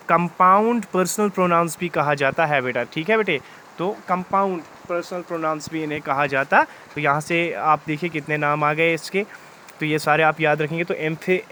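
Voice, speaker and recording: A man teaching English grammar in Hindi, reading example sentences out slowly word by word and calling his students "beta". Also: on the high side, sharp tone, a little hiss or hum.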